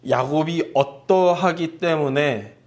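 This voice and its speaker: A man's voice: fairly high pitch, takes it slowly. A middle-aged man preaching a sermon earnestly, leading his congregation through scripture. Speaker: pastor.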